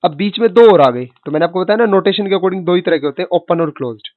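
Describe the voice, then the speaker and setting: A man's voice: high-pitched, animated, quick pace, dry recording. A male maths teacher giving an online lecture in a chatty way, calling his students kid and boss and asking their questions for them. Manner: voices students' questions, then answers them. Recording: dry, tinny phone-like sound.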